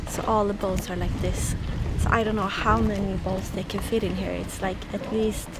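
A woman's voice: mid-range voice, moderate pace, heavy background noise. A young woman with a Swedish accent, chatting casually about sailing for her vlog. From Sweden. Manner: relaxed, chatty, many fillers. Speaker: sailing vlogger. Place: sailboat cockpit and dockside outdoors.

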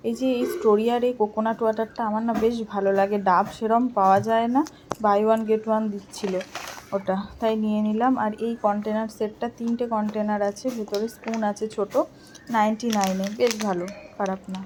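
A middle-aged woman vlogger chatting casually and softly about her day at home. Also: mid-range voice, level tone, brisk, noisy background. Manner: chatty, homely, soft-spoken. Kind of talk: casual vlog chat.

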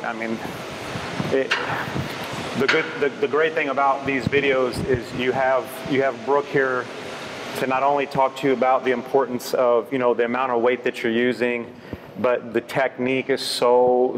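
A man's voice: medium pitch, flat delivery, moderate pace, background noise. A man trying out a workout, chatting about it in a rambling, casual way with frequent restarts. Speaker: trainee on a fitness show.

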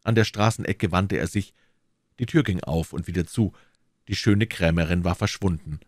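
A man narrating a classic novel as an audiobook, in a measured, expressive storytelling manner. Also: deep voice, no room sound, clean studio sound.

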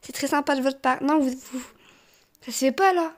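A young woman narrating a video game as she plays, animated, often squealing and laughing. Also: high-pitched, normal speed. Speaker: gaming YouTuber. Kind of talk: excited let's-play commentary.

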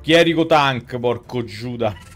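Slow and fairly bright in tone at a medium pitch, a video game streamer in his thirties talks through his gameplay live in a casual, colloquial Roman Italian way. He uses a headset mic in an indoor room set up for gaming, and game music sits in the background.

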